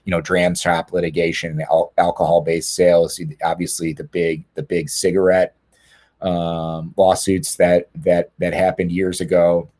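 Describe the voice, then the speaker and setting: Low, flat-voiced man on a webinar. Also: normal speed. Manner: earnest, repeats words as he restarts phrases. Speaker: lawyer on a panel. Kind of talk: webinar panel talk.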